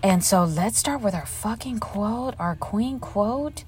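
A woman with a medium-pitched, darkish voice and lively intonation takes her time, with slight background noise behind her. She hosts her podcast solo from a hotel room closet, where the mic is set up, telling stories frankly and chattily with plenty of swearing.

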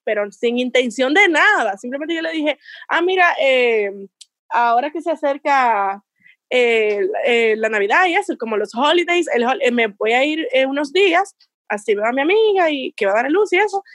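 A woman from the Caribbean, in her thirties, tells a personal story as a guest. Her voice sits high, and she laughs often. The recording is dry and close. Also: animated, moderate pace, a bit bright, no echo. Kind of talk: casual interview.

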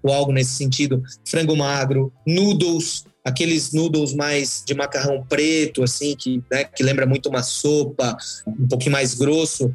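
A man's voice: medium pitch, steady tone, moderate pace, no echo, faint music behind. A man chatting as a podcast guest, telling rambling travel stories with folksy asides. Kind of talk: casual podcast chat.

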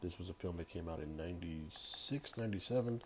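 A middle-aged man hosting a podcast, chatting casually about movies in a rambling, halting way. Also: low voice, a little hiss or hum. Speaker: podcast host. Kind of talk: casual solo movie-review chat.

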